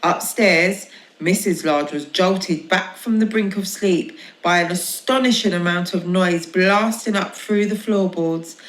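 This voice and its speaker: A woman reading a children's story aloud in a gentle, expressive way. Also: lowish voice, unhurried. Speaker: storybook reader. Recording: echoey room.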